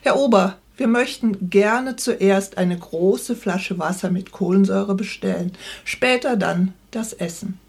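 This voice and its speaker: A woman's voice: mid-range voice, unhurried, few pauses, a little mellow, breathy edge. A woman reading aloud as a stubborn middle-aged husband set in his habits, in a plain, slightly pleading tone.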